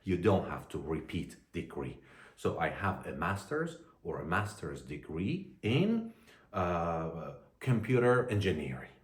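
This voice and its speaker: Deep-voiced man teaching slowly. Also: big pitch swings. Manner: slow, deliberate, repeats phrases for learners to copy. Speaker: English teacher. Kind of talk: English lesson for learners. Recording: echoey room.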